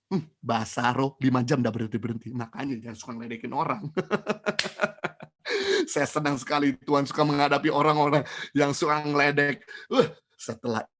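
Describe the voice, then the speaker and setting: A middle-aged male pastor tells a story from the pulpit in a fairly high voice. His delivery swings widely, jumping up high and loud, then sinking to soft, low lines. He speaks straight to the congregation as he preaches. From Indonesia. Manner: addresses the congregation directly. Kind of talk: sermon testimony.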